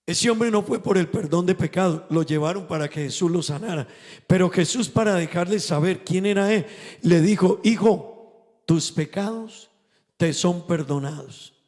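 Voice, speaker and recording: A man preaches with a very high voice that lingers in the long reverb of a church hall. He retells scripture scenes and slows down to weigh each quoted word. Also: darkish tone. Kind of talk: sermon.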